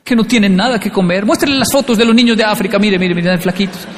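A man's voice: high voice, fast, slight background noise, voice pushed up, close to an everyday voice. A man voicing a mother who insistently guilt-trips her child. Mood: nagging. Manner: pleading, insistent. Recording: long hall reverb.

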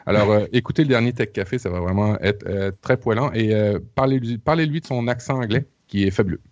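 A man's voice: fairly low pitch, quick pace, a little mellow, dry recording. Man, Québécois accent, podcast host, joking and hesitant, dry sound, muffled lo-fi line. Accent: Québécois French. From Quebec. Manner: chatty and joking, laughs often, many hesitations. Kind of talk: casual podcast chat.

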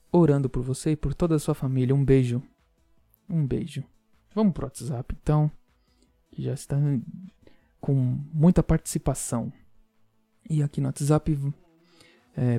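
Male podcast host, mellow and dry-sounding, playful teasing delivery, faint music underneath. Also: mid-range voice, fairly even intonation, moderate pace, creaky, long pauses, no echo. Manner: joking, teasing listeners. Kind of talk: casual podcast chat.

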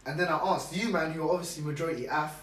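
A man's voice: a little high, very fast, fairly bright tone. A young man with a London roadman accent, chatting casually in street slang. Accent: London roadman (Multicultural London English). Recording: echoey room, distant mic, faint noise.

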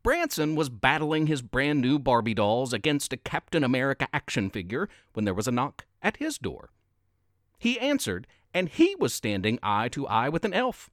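A man reading a Christmas story aloud as narrator, in an expressive, sing-song way. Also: mid-range voice, moderate pace, dry recording, clean studio sound.

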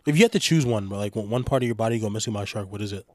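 A man's voice: on the low side, racing, darkish tone, no echo, clean studio sound. A young man bantering casually with a friend in frat-bro slang, saying bro constantly.

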